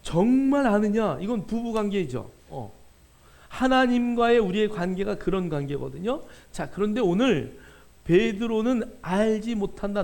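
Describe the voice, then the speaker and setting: A male pastor preaching a sermon in a conversational way, with frequent filler sounds and slowed, stretched words for emphasis. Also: sits high, vocal fry, darkish tone.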